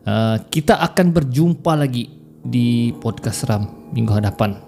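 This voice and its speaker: Man, horror podcast host, lively swooping delivery, faint music underneath. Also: medium pitch, normal speed, gravelly. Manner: animated, acts out voices and cries in the telling. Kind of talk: casual horror storytelling.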